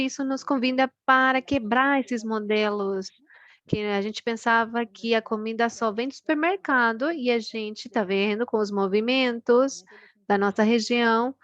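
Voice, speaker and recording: Earnest lady panelist talking slow on a video call, kinda muffled lo-fi audio. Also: fairly high pitch. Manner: earnest, deliberately slowed for interpreters. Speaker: panelist at a virtual meeting. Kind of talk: prepared talk at an online meeting.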